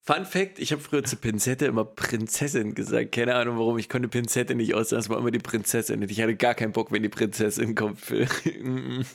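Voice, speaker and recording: A young man chats casually as a podcast co-host. He tells his stories in a lively way, acts out the other people's lines and laughs often, all at a mid-range pitch. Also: fairly quick, vocal fry, few pauses. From eastern Germany. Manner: animated storyteller who acts out voices and laughs often. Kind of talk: casual chat.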